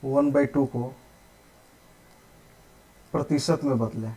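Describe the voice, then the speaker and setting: A young adult man teaches a live online maths lesson at a middle pitch. He walks through each step slowly, repeats himself for beginners and keeps checking in with his students. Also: steady tone, mellow, rough recording. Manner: patient, repeats steps, says "ठीक है" often.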